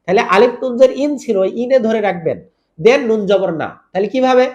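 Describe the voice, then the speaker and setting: A man teaching Quran recitation rules, spelling out each letter and vowel mark and then drawing the words out slowly in a chanted style, asking the listener to repeat. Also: high-pitched, darkish tone, lo-fi sound. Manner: asks the listener to repeat after him. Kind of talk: step-by-step tajweed lesson.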